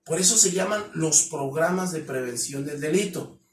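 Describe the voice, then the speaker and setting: High-voiced Mexican man lecturing in an echoey room. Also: moderate pace. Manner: emphatic, asks the class many rhetorical questions; acts out shouted cries for help. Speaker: criminology lecturer. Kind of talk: classroom lecture. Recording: roomy echo from a distant mic.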